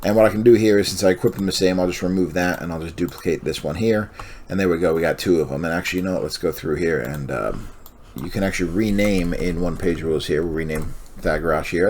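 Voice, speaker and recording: Deep-voiced man talking through his army list. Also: darkish tone, slight background noise. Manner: rambling, with frequent "uh" and "um" and self-corrections. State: yawning, tired. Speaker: host. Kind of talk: casual walkthrough of building a tabletop army list.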